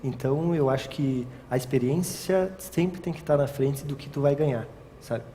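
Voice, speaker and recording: A young man with a mellow, medium-pitched voice talks at a normal speed in a casual interview about his work as a wedding photographer. He rambles, restarts his sentences, and keeps tagging them with "sabe?" The recording has a long reverb and faint ambient noise.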